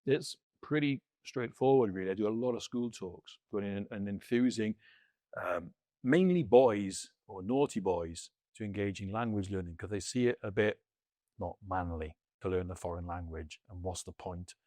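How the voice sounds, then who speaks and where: Speaking at normal speed in a lowish, dark voice, this middle-aged Briton from the UK is an interview guest and ex-military linguist. He shares stories conversationally, acting out the dialogue, in a studio-quality recording with no echo.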